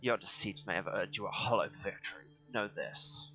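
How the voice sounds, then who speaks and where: A man's voice: fairly low pitch, moderate pace, pushed and bright, soft background music. A man voicing a vengeful, pompous villain from a video game with theatrical menace. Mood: menacing. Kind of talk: reading game dialogue aloud in character.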